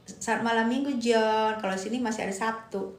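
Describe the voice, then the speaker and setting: A woman's voice: on the high side, steady tone, brisk, echoey room. Emphatic woman ranting on a live stream. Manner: emphatic, argumentative, repeats points; reads viewer comments aloud and answers them. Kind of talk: casual live-stream commentary.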